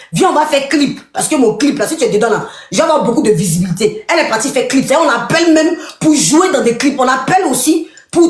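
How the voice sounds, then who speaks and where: A woman's voice: high-pitched, reverberant. A woman, commentating in a mocking, repetitive live rant aimed straight at a rival. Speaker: online commentator.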